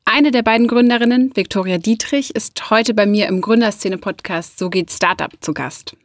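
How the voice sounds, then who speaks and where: A woman in her thirties hosts an interview podcast and asks easy, conversational questions. Her voice sits at a middle pitch and is recorded close and dry, with no room sound. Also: moderate pace, no room sound. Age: 30s. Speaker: podcast host.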